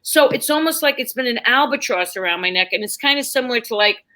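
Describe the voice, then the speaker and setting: A comedian from New York appears as a guest, telling candid, emphatic stories and acting out snippets of dialogue. Her voice is a little high, bright and pushed, animated and quick.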